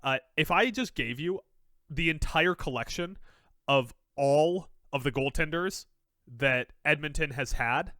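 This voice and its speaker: Bright-voiced man in playful podcast banter. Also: a little high, unhurried, dry recording. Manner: playful, rebutting with mock-dramatic storytelling. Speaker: podcast co-host. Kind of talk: casual sports podcast chat.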